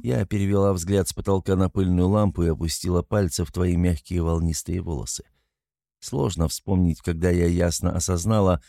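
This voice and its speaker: A man narrating a dramatic story in a steady, measured way. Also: fairly low pitch, no echo, studio quality. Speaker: audiobook narrator.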